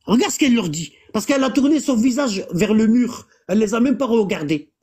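A speaker leading a casual religious discussion, reading Arabic passages aloud and translating them with many pauses and fillers. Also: medium pitch, expressive, darkish tone, slightly rough. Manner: explanatory, halting, many fillers, reads Arabic texts aloud then translates; keeps pointing listener to the text.

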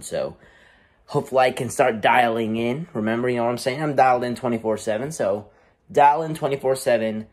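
A teenage boy chatting casually to camera as a vlogger, speaking from inside a football helmet into a phone held at arm's length in a room at home. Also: medium pitch. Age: teens. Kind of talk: casual vlog chat to camera. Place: small indoor room at home.

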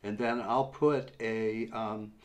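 An older man of about sixty-something, working as a fishing instructor, talks through a fishing rig slowly and patiently, step by step, dropping in lots of uhs. His voice is lowish with a steady tone. He sits at a table in a small room, recorded for a how-to demonstration by a camera in front at desk distance.

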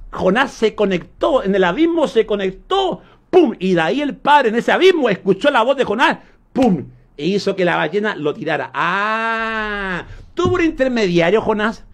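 A fervent male pastor preaching a sermon. His fairly high voice leaps about in pitch. He rises to loud emphasis, drops to near murmurs, and keeps asking the congregation if they understand. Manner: fervent preaching with sudden drops to soft, intimate tones; keeps checking in with the congregation with questions.

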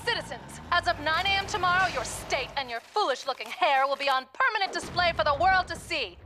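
Gloating villain stylist on hijacked TV. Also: female voice, extremely high pitch, lively intonation, fairly quick, pushed and bright, a little hiss or hum, heavily acted. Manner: gloating, theatrical. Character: vain vengeful female villain hairstylist. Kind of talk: cartoon voice acting.

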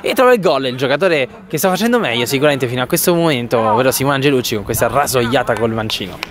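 A man giving excited play-by-play football commentary in the manner of goal commentary. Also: medium pitch. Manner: animated, bursting into drawn-out shouts at goals and shots. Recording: crowd and outdoor noise behind.

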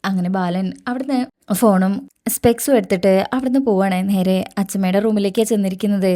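A woman retelling a television serial episode as a narrator, steady and matter-of-fact. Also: mid-range voice, fairly quick. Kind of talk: storytelling episode recap.

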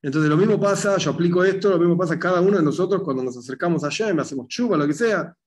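Animated rabbi teaching a class. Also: male voice, high-pitched, very fast. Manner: animated storytelling, acting out voices in retold stories. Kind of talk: conversational religious lesson.

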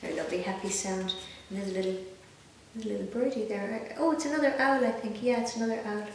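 With a mid-range voice and a fast delivery, a woman in her fifties with an Irish accent reads a picture book to children as a guest storyteller. She's animated and gently expressive, tossing in chatty asides and questions. The recording has room echo, a distant mic and faint noise.

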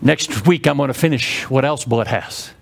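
A man's voice: medium pitch, moderate pace, creaky. A man preaching a sermon as pastor, fervent and repetitive, leading his congregation in call-and-response.

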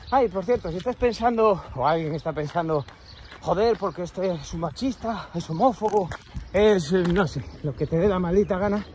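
A Peninsular Spanish man with a slightly raised pitch vlogs on the move, his sarcastic, rambling rant broken by the breathlessness of a steep climb. He is outdoors on a country path. Faint birdsong and open-air hum sit behind his voice. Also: darkish tone. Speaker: vlogger. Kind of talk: walking vlog rant to camera.

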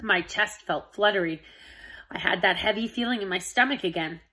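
A woman reading a children's chapter book aloud with expressive storybook narration. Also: medium pitch, moderate pace, poor audio. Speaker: audiobook reader.

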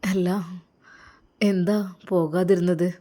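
A woman voicing a gentle widowed teacher. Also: lowish voice, fairly even intonation, slow. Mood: tender. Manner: soft, coaxing, reassuring. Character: gentle widowed male religious teacher, tender and reassuring. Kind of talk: audio story drama.

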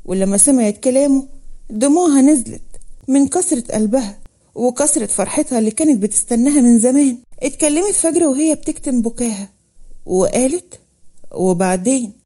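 A woman with an Egyptian accent narrating a scripted village love story in a steady, plain manner. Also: high voice, fairly quick.

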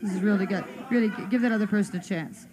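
A woman stage hypnotist running a TV demonstration, giving brisk, teasing commands to her subjects. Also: mid-range voice, a crowd in the background. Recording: faint noise, 1960s TV audio.

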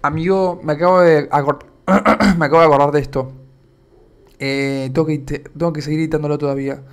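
A man's voice: on the high side, steady tone, fairly quick, smooth. A young man with an Argentine accent, chatting casually on a live stream and reading comments aloud, his voice a bit worn out. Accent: Argentine Spanish. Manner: chatty, rambling, reads chat aloud.

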